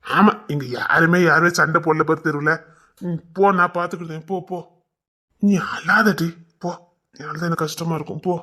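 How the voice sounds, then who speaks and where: A man's voice: on the high side, fairly even intonation, normal speed, pushed and bright. A young man, acting a protective, hot-tempered village lover who teases his girl. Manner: rough, protective, teasing. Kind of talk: web series drama acting.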